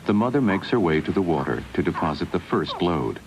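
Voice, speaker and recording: A man giving measured, scripted wildlife documentary narration, heard from a worn VHS tape copy. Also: deep voice, expressive, background noise.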